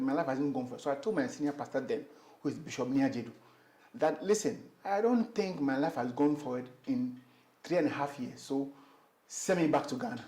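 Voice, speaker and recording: Man, 30s, mid-pitched, hesitant delivery, echoey room sound. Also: darkish tone. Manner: hesitant, many fillers and restarts. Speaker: former missionary pastor. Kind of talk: testimony interview.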